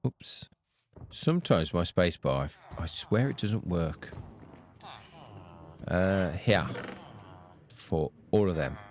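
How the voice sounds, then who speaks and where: A man casually talking to himself while playing a video game, relaxed and unhurried. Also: deep voice, a little hiss or hum. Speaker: gameplay video host. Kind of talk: casual gameplay commentary.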